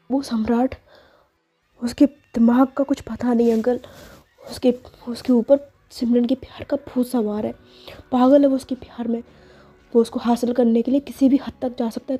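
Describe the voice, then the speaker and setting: A woman voicing an anxious young woman who stammers and rushes her words, on a dull lo-fi recording. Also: on the high side, little pitch movement, mellow, breathy edge.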